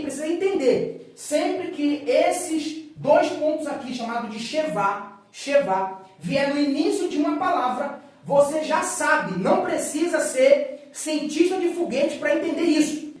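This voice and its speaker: Teacher in a very echoey room. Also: male voice, extremely high pitch. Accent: Brazilian Portuguese. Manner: patient, repeats words and keeps checking with "tá?" and "ok?". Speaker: biblical Hebrew teacher. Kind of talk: recorded online lesson at a whiteboard. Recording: very echoey room, voice from far off the mic.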